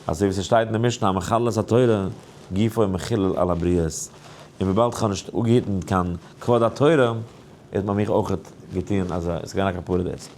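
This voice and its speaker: A man, a rabbi, giving an animated Torah lesson in a sing-song way, now and then stretching phrases into a chant. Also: fairly quick, slight background noise. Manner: lively, swings high and low. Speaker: rabbi teaching a daily Torah class.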